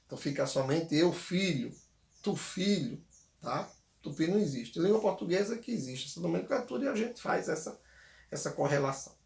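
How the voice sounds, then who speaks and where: A man teaching a grammar lesson, patiently repeating words slowly so the viewer can say them back. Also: a little high, lively intonation, gravelly, darkish tone, reverberant. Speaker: Tupi language teacher.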